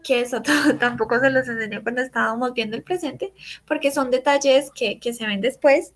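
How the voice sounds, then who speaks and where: A woman teaching a French class, patiently explaining and repeating each example slowly. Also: high voice.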